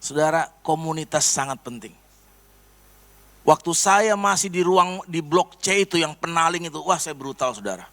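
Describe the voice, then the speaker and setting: Male preacher, fairly high, bright voice, lively storytelling sermon testimony. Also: moderate pace. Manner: storytelling, addresses congregation as saudara.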